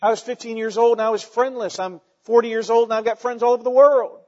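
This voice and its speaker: In a church sanctuary, a man in his forties delivers a fervent sermon as pastor, using rhetorical questions and folksy asides. He speaks at a quick pace in a very high-pitched voice with fairly even intonation and a darkish tone, captured with dull sound in a reverberant hall.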